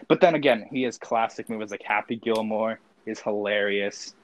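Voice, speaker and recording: A man's voice: on the low side, normal speed, poor audio. A young man co-hosting a casual podcast chat, rambling with many fillers and restarts. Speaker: podcast co-host.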